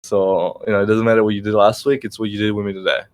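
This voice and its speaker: A man's voice: fairly low pitch, flat delivery, fast. A man chatting casually about trading, blunt and profane, with lots of filler words. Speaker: trading course host. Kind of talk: casual chat.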